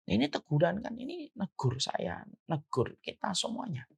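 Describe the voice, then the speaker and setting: A man's voice: high-pitched, moderate pace, vocal fry, husky. A man giving a religious lecture as a preacher, asking rhetorical questions as he goes. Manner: animated, rising and falling delivery with rhetorical questions.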